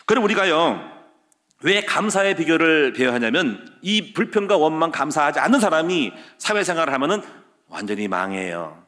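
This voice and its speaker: A man preaching a sermon as pastor, telling stories and acting out the quoted lines. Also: on the high side. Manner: lively storytelling with acted-out quotes.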